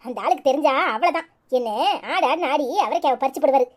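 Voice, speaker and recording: A woman playing a scheming, hushed village mother. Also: fast, natural voice. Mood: conspiring. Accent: Tirunelveli Tamil. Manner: low-voiced, conspiring. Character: bride's mother, middle-aged woman, scheming and bossy.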